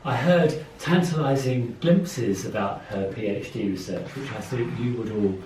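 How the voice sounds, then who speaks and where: A man's voice: medium pitch, a little slow, darkish tone. A man introducing a guest speaker at a seminar in an informal spoken style, as the host. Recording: very echoey room, distant mic, noisy.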